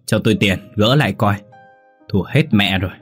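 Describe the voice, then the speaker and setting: Một người đàn ông giọng khàn, giọng miền Nam, lồng tiếng một gã trai trẻ say xỉn, lè nhè và ngang ngược. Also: male voice, on the low side, normal speed, husky, faint music behind. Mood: belligerent. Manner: slurred, defiant shouting. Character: drunk, belligerent young man, slurring.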